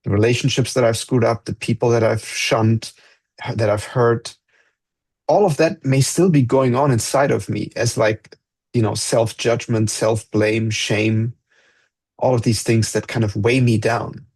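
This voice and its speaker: A man with a husky, slightly breathy voice at an ordinary middle pitch, hosting a reflective podcast conversation. He speaks in an earnest, thoughtful way and often pauses to search for the right words. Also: fairly even intonation, darkish tone. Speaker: podcast host.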